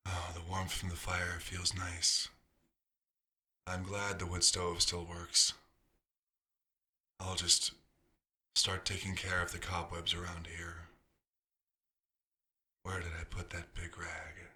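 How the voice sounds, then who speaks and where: A man voices a quiet, nostalgic vampire doctor for an ASMR roleplay, speaking very low and almost flat with a very sharp, bright edge, exaggerated in delivery. Fussy and gently wistful, he murmurs to himself at an unhurried pace, pausing along the way. The mood here is wistful and resigned.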